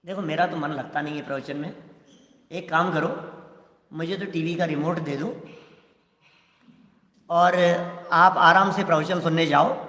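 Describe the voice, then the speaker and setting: A man's voice: a little high, a little slow, pauses often, bright, forceful tone, voice pushed down. A man voicing a pleasant, coaxing male house guest who wants to stay home and watch TV. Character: sweet-talking male house guest avoiding the discourse. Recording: echoey hall with long reverb.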